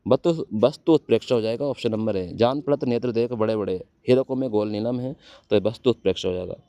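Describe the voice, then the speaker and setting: Fast-talking exam coach, man. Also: mid-range voice, dark tone, dry recording. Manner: quizzes students, answers own questions. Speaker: exam-prep teacher. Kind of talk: fast exam-prep lecture.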